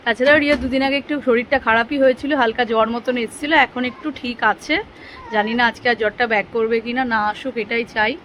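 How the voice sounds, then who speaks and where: A young woman filming and talking to her small son in a casual family vlog, teasing him and then soothing him gently. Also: fairly high pitch, steady tone, fast talker, a little hiss or hum, rough recording.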